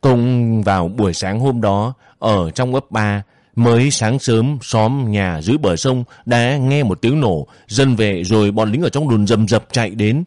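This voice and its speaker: A man narrating an audiobook story in a steady, measured way. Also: on the low side, dry recording, clean studio sound.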